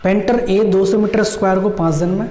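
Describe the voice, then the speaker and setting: Maths teacher in an echoey room. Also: male voice, high voice, brisk, warm tone, faint music behind. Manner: repetitive step-by-step explaining, frequent check-ins. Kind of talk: exam-prep maths lesson. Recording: echoey room with long reverb.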